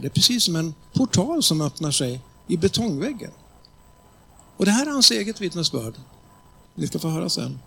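Male preacher, animated storyteller, bright tense tone, gravelly edge. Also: fairly high pitch, a little hiss or hum. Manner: animated storyteller, addresses the audience directly. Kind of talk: storytelling sermon.

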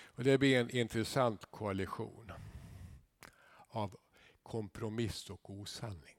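A man preaching a sermon, dropping to low murmurs and rising to loud emphatic declarations, with conversational asides to his listeners. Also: dry recording.

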